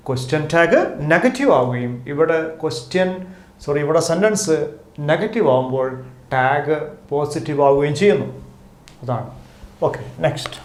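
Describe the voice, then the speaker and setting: A man with a Kerala accent teaching a spoken English grammar lesson, saying each example twice and stressing the question tags. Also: a little high. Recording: echoey room.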